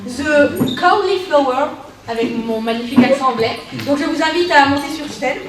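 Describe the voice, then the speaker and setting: A woman's voice: high-pitched, fast talker, distant mic. A woman presenting a contest on stage, announcing acts in a light, self-mocking way. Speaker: event presenter. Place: large hall. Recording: echoey hall from afar with loud noise.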